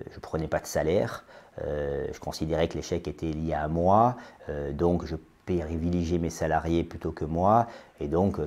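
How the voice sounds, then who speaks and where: A French business owner in his late thirties is a guest on a podcast interview. His voice is deep, dark and mellow, and he hesitates constantly, filling pauses and repeating words.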